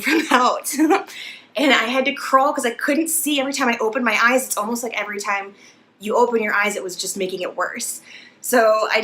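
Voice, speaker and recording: A young woman vlogger telling an embarrassing story to camera, animated and laughing as she acts it out. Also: a little high.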